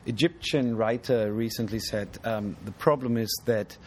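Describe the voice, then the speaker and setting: A darkish, lowish voice at a moderate pace comes from a German artist describing his work in a relaxed interview at an outdoor art fair. He is reflective and hesitant, full of ums, and the background is noisy.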